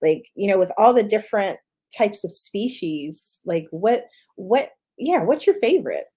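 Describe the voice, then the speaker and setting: A woman's voice: medium pitch, very animated, unhurried, mellow, slightly rough. A woman hosting a podcast, upbeat and speaking straight to her listeners. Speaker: podcast host. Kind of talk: casual interview chat.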